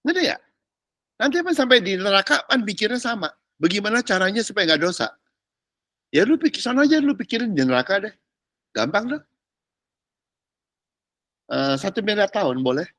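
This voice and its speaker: A man preaches in a lively, high-pitched voice that leaps up and down. He talks to the congregation casually, throwing in slang and mocking asides. The sound is dry and close, with no room echo. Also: moderate pace, long pauses. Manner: animated, mixes casual Jakarta slang and English words, mocking asides. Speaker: pastor. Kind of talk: sermon.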